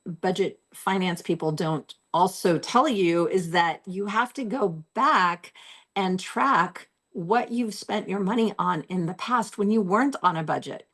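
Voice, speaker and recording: A woman in her forties with a medium-pitched, slightly hoarse voice hosts an earnest, encouraging self-help talk to camera from a room at home. She's losing her voice and keeps repeating her key phrases.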